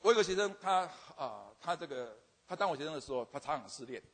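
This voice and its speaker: Rapid, husky older man in a hall. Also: fairly high pitch, animated, a bit bright. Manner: stammering repetitions, frequent "OK" fillers. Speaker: university teacher giving a testimony. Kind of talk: humorous testimony storytelling. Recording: long hall reverb.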